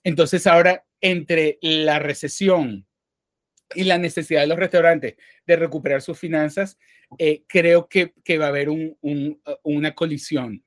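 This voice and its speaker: A man from Venezuela speaking as an interview guest, thoughtful and halting, often restarting and repeating words. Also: fairly high pitch, steady tone, no room sound, clean studio sound. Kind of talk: casual interview talk.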